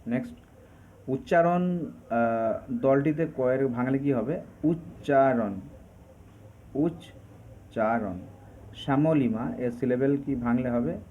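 A man teaching an exam-prep grammar lesson, drawing out example words and pausing to hesitate often. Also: mid-range voice, narrow, tinny audio, a little hiss or hum. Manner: slow, drawn out over example words, frequent hesitations.

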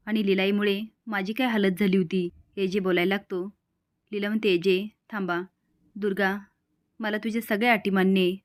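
A woman narrating a recap of a TV serial episode and reading out each character's quoted lines in turn. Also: medium pitch.

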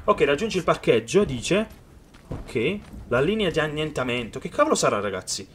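Excited man doing game commentary. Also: on the high side, moderate pace, slight background noise. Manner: excited, calls viewers "raga" often; reads game dialogue aloud. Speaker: gaming youtuber. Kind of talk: let's play commentary.

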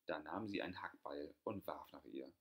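A man reading a fairy tale aloud as an audiobook, telling it in a calm, even way. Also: a bass voice, normal speed. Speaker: audiobook reader.

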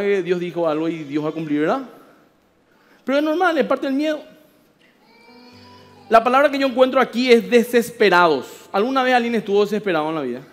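Man, Paraguayan Spanish accent, pastor, sermon, acts out voices, reverberant church hall. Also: very high-pitched. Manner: animated storytelling, acting out voices.

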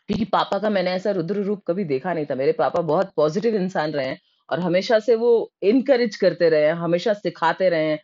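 A woman from Rajasthan telling her own childhood memories in a lively, animated way, slipping English words into her speech. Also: mid-range voice, dull audio. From Rajasthan, India. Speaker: storyteller. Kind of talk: personal storytelling.

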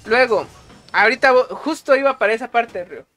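A man with a Mexican accent reviewing a movie on a casual stream, excitable and full of slang and swearing. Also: very high voice, a little fast, faint music behind.

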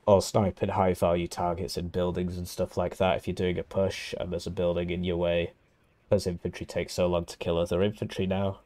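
Sick and congested, a man with a low, nasal voice casts a strategy game match from home. His delivery is flat, brisk and mellow as he weighs the options with casual, wry humor.

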